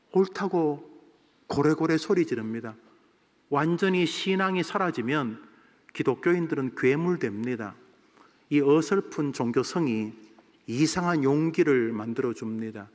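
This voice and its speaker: A man who is a senior pastor, preaching a sermon in a church, dramatic and ready to break into loud acted-out shouts. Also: on the high side. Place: church sanctuary. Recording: long reverb of a church hall.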